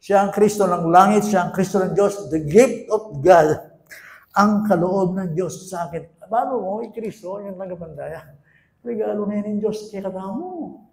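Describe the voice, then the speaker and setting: A man with a Filipino accent, a pastor preaching a sermon in a church, moving between loud questions and hushed lines, mixing in English. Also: sits high, normal speed, creaky. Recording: echoey room.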